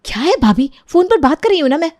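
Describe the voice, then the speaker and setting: A woman's voice: sits high, very animated, fast, darkish tone, pitched above the performer's own voice. A woman voicing a stubborn, sulky teenage girl in a cartoon who answers snappily and defensively. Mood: impatient.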